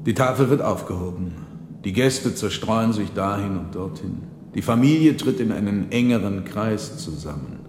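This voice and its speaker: Male radio-play narrator, measured and unhurried; echoey space, faint noise. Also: lowish voice, lively intonation, a little mellow. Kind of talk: scripted literary reading for radio. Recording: roomy with long reverb, faint noise.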